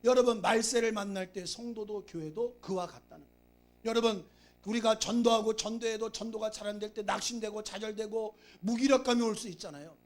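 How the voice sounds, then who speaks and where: A man's voice: high voice, fairly even intonation, a little fast. A male pastor preaching a sermon, urging his congregation with emphatic repetition and stories. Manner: emphatic, repetitive exhortation with storytelling.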